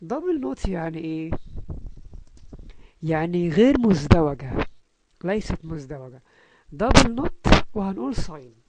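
A man's voice: high voice, very animated, very noisy. Patient Egyptian man teaching. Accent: Egyptian Arabic. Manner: patient, repeats syllables aloud and slowly spells out words. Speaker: language teacher. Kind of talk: online language lesson.

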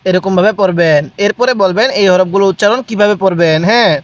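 A man with a high voice teaches Quran reading, spelling out each letter and vowel and pausing for the learner to repeat. The sound is dry and close, with no room around it. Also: no echo. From Bangladesh. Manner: drills letter sounds slowly, then urges viewers in quick asides. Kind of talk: recitation lesson, spelling out letters.

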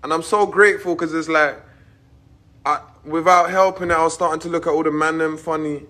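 A man's voice: a little high, steady tone, fairly quick, pushed and bright. A young man, chatting and teasing in slangy casual banter on a phone live stream. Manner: slangy, teasing, laid-back storytelling.

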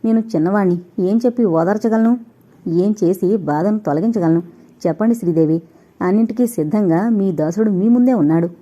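Lady reading as a pleading young guy, earnest and emotional, very dark mellow voice, dull lo-fi sound. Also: medium pitch, a little fast, natural voice. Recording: dull lo-fi recording.

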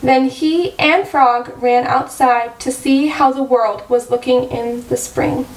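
A woman teacher reading a children's storybook aloud to her first graders in a slow, clear, gentle way. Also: high-pitched, fairly even intonation, a little hiss or hum. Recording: roomy echo, distant mic.

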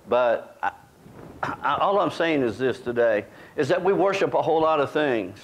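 A man's voice: mid-range voice, expressive, moderate pace, slight background noise. A middle-aged man, preaching a sermon in a small church in a folksy, conversational way. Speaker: pastor. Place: small church sanctuary, indoors.

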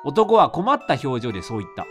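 A man's voice: medium pitch, very animated, a little fast, music in the background, natural voice. A man reading aloud the part of a girl recalling a childhood encounter from a horror novel, in a plain storytelling way. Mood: calm recounting.

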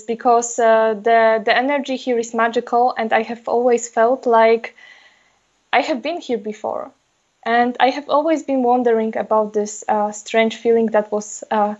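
A young woman from Poland with a Polish accent, speaking as an interview guest in a soft, dreamy way with many fillers. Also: a little high. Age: young adult. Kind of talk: casual interview talk. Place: small room indoors. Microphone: earphone mic on a video call. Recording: dull lo-fi video call audio.

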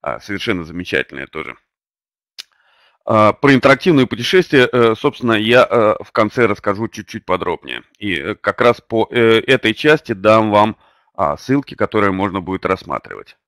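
Low-voiced man hosting a webinar, hesitant. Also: animated, fairly bright tone, no echo, studio quality. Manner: hesitant, many drawn-out fillers. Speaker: webinar host. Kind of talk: unscripted webinar presentation.

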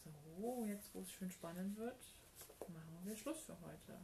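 A woman reading a children's book aloud on a live stream, calm and measured. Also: on the low side, creaky, a little hiss or hum. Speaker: children's story reader.

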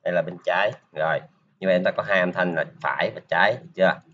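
A man talks through a screen-recorded coding lesson in a relaxed, chatty way, peppering his steps with filler particles. His voice sits very low. The sound is muffled and lo-fi, like a basic computer microphone. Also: fast talker, a little hiss or hum. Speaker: programming teacher.

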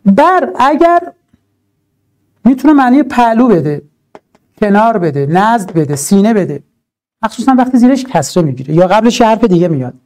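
Animated high-voiced male grammar teacher. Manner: animated, emphatic, drawn-out stresses and rhetorical asides. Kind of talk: exam-prep grammar lesson.

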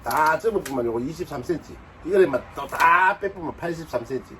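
A man's voice: fairly high pitch, animated, brisk, background noise. A man with a Gyeongsang accent chatting through a demonstration of his fishing gear. He banters with himself, asking questions and then answering them. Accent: Gyeongsang Korean. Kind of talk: casual product demonstration.

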